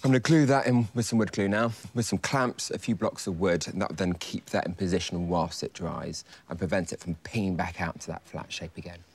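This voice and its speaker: A British man in his thirties, a furniture restorer, calmly explaining his repair work step by step to camera in a wooden workshop. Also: sits low, a little fast, few pauses, husky. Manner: calm, matter-of-fact step-by-step explanation. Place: large wooden workshop, indoors.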